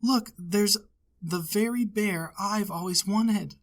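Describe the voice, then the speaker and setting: Man doing an eager little girl, higher pitched. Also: slow pace. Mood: excited. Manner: bright, earnest, childlike.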